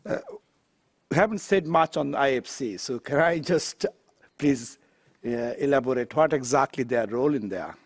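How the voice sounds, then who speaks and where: A man's voice: medium pitch, animated, normal speed, husky, dry recording. A man moderating a conference panel, asking questions and taking the floor in a courteous, hesitant way.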